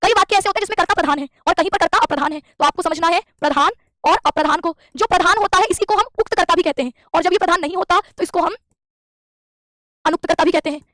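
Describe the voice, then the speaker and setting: A woman's voice: extremely high pitch, fast, a bit bright, no echo, studio quality. A woman teaching Sanskrit grammar in an exam-prep lecture, explaining step by step and asking and answering her own questions in a classroom with a board.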